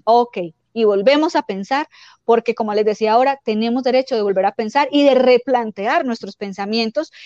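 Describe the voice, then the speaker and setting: A woman life coach giving calm, explanatory spiritual self-help advice, often acting out quoted dialogue. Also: a little high, no echo, dull audio.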